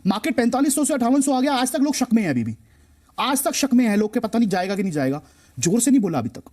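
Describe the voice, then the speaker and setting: A man's voice: very high-pitched, sing-song, quick pace, a little mellow. A man appearing as a stock market expert on a TV show, explaining emphatically and repeating key phrases for effect. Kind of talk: explaining to a TV host.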